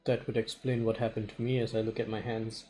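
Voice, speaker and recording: A man's voice: lowish voice, little pitch movement, brisk, mellow, faint music behind. A man playing a tabletop role-playing game, describing his character's actions in a loose, hesitant way. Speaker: player. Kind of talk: casual tabletop play.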